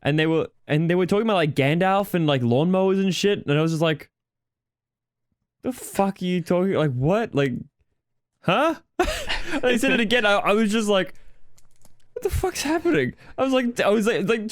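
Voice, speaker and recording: A man's voice: a little high, lively intonation, normal speed, clean tone, dry recording, studio quality. A young man co-hosting a podcast, blunt and teasing, swearing freely in casual chat. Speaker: podcast co-host.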